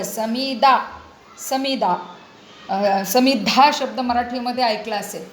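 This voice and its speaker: A woman teaching a Sanskrit play, reciting each line slowly and then explaining it, often checking that the students follow. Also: a little high, slight background noise. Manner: often checks understanding with the class. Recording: roomy echo.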